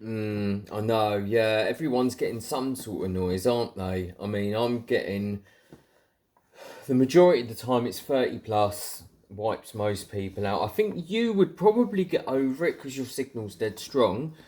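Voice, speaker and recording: An animated man with a lowish, darkish voice talks at a measured pace in a southern English accent. As a CB radio hobbyist recording an impromptu vlog, he keeps things chatty and slangy, very informally British.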